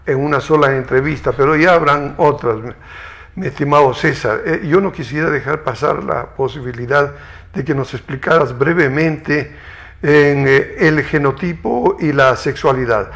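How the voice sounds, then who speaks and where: A man hosting a televised science interview, asking measured, formal questions. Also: on the high side, fairly bright tone.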